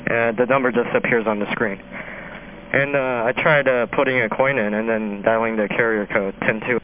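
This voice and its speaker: A man in casual talk on a payphone call, with loose, halting speech full of fillers. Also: medium pitch, fairly even intonation. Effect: talking from a payphone over a phone line. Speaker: phone hobbyist leaving a message. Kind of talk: casual spoken message. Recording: tinny phone line with hiss.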